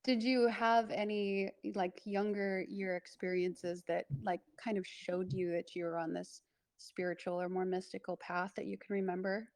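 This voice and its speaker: A woman's voice: mid-range voice, steady tone, moderate pace. Chatty, appreciative woman interviewer. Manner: warm and appreciative, laughs easily, chatty fillers like "you know". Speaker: podcast host and interviewer. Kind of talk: casual interview.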